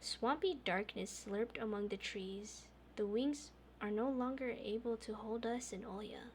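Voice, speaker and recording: A woman streamer reading a story game's text aloud in a soft, steady narrating voice, with small restarts now and then. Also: fairly high pitch, a little slow, a little hiss or hum.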